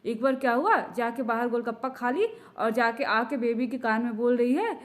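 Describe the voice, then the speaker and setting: A woman's voice: on the high side, normal speed, close to an everyday voice. A woman voicing a chatty older grandmother who lectures a young mother with old home remedies. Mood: gossiping. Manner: chatty, lecturing, full of advice.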